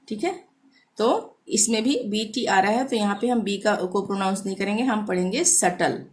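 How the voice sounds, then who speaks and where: A woman teaching a pronunciation lesson, patiently spelling out words letter by letter and repeating each one slowly. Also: medium pitch. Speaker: language teacher.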